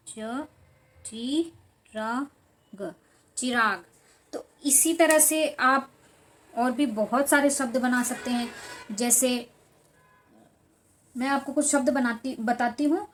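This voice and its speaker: A young adult woman teaching children, slowly spelling words out syllable by syllable in a patient tone. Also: high-pitched. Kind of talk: slow, patient lesson for children.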